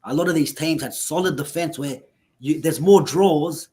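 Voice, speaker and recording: A man from Australia with a slightly higher voice, talking football on a podcast. He is animated and scoffs at rival fans, with frequent laughter in his banter. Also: moderate pace. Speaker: podcast co-host. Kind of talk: casual football podcast chat.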